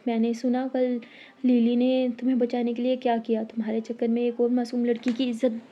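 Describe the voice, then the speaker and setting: A woman's voice: on the high side, monotone, brisk, a little hiss or hum, natural voice. Woman reading young college woman, blunt and matter-of-fact; storybook voice, lo-fi. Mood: blunt, explaining. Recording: slightly dull lo-fi audio.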